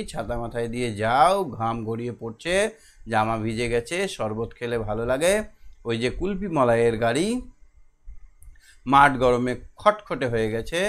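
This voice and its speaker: Man teaching young kids. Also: medium pitch. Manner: explains slowly, repeats words, drills pronunciation with children. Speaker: primary school teacher. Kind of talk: online homework class.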